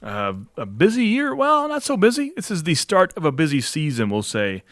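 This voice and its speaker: A man's voice: fairly high pitch, moderate pace, no room sound, clean studio sound. A man co-hosting a casual podcast chat, telling stories with lots of laughter. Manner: laughs often, animated storytelling. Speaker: podcast co-host.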